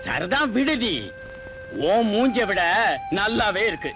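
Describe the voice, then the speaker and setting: A weary village mother firmly tells the others to stop quarrelling. Her pitch moves in a lively way, and music plays clearly under her lines. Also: unhurried. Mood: reproachful. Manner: firm, scolding.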